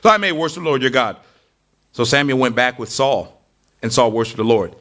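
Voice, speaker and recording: A male pastor preaching a sermon, telling stories with animated acted-out voices. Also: mid-range voice, a little fast.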